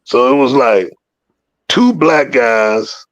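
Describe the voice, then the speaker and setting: Swearing freely and performing the voices of the characters, a man recounts a story in an interview in a casual, animated way. His voice is medium-pitched and slow, and the audio is a dull, dry lo-fi recording.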